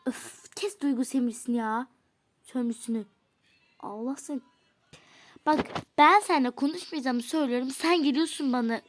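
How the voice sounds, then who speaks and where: A woman's voice: high-pitched, normal speed, a little hiss or hum, natural voice. A woman voicing an angry teenage girl who scolds her boyfriend with exasperated sighs in a doll role-play story. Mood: scornful. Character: angry teenage girl, hurt and scornful girlfriend.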